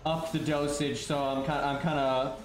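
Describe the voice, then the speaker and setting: A man's voice: on the high side, flat delivery, normal speed, echoey room, faint music behind. A congested, sniffly man breathing through his mouth, giving rambling, casual game stream commentary to his viewers. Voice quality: congested, stuffy-nosed.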